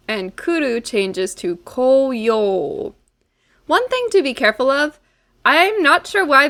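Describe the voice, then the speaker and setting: Slow-spoken woman teaching a lesson. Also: fairly high pitch, fairly bright tone. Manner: slow, careful drills with frequent ums. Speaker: Japanese language teacher. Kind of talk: recorded classroom lesson.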